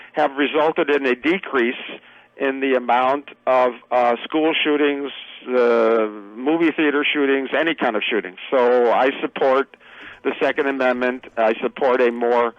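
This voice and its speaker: A man guest on a radio show, speaking over the phone in an earnest, halting way with many fillers. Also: medium pitch, no room sound, highs cut off. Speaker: political candidate guest.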